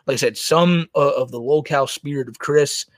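A man's voice: medium pitch, a little fast, no echo. A man hosting a casual commentary podcast, crude and mocking, talking to his chat. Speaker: podcast host.

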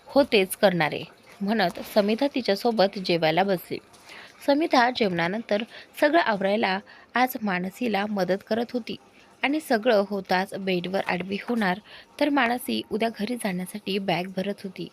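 A woman reading a romantic serial story aloud in a steady storyteller's manner. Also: mid-range voice, a little slow, creaky.

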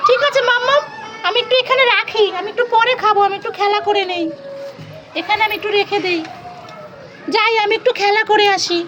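A woman's voice: very high voice, fairly even intonation, brisk, loud music behind the voice, voice pushed up. A woman voicing a cheeky little girl who sings to herself and scolds a cat. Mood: chirpy. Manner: chirpy, scolding, sing-song.

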